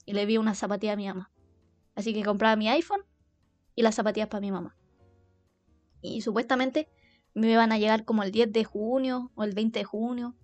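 With a fairly high, darkish voice and a steady tone, a young Chilean woman hosts a podcast, rattling off self-deprecating anecdotes in heavy slang, with quick laughs. Soft music plays behind her, and there's no echo.

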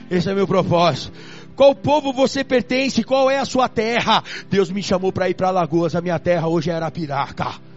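A high-pitched man preaches a sermon, moving from quiet personal testimony to loud, shouted calls to the crowd. The recording is muffled and lo-fi, with soft music underneath. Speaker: pastor.

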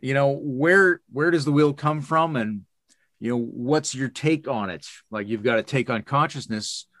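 Canadian male podcast host, curious and relaxed, close and dry. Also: mid-range voice, a little slow, no room sound. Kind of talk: interview questions.

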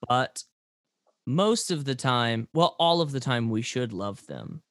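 A man's voice: takes it slowly, no echo, studio quality. A man co-hosting a podcast, chatting casually, joking and teasing, his voice jumping up when he gets fired up. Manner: joking, animated, jumps high when excited. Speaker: podcast co-host.

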